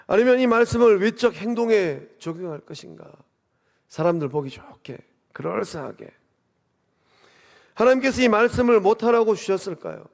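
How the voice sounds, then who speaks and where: High-voiced preaching man in a reverberant church. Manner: preaching with rhetorical questions and swelling emphasis. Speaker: pastor. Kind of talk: sermon. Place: church sanctuary. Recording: long reverb of a church hall.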